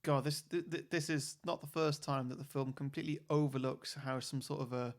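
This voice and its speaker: A man's voice: mid-range voice, steady tone, a little fast. A man co-hosting a podcast, talking casually about a film in a thoughtful, hesitant way with frequent restarts. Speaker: podcast co-host.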